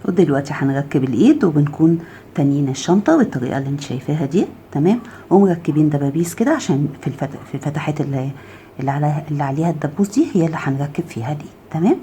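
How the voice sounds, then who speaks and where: Egyptian woman, crochet tutor; low, warm, lively delivery, counts stitches, murmurs while working. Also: very fast, a little hiss or hum. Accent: Egyptian Arabic. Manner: counts stitches aloud, keeps asking "okay?"; drops to a soft murmur while handling the work. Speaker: crochet teacher. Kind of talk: step-by-step crafting tutorial.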